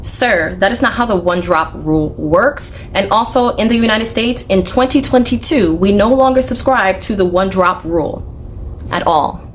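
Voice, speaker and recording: A woman delivers sharp, critical commentary with an articulate, sarcastic edge. Her pitch sits in the middle range. A faint hiss runs underneath. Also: normal speed.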